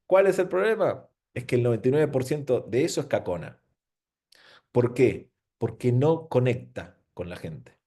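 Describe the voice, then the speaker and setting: An Argentine man gives an informal seminar talk on marketing. His pitch swings widely as he asks rhetorical questions and drops slang. The tone of his voice is warm and mellow. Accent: Argentine Spanish. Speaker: marketing speaker. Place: venue with an audience.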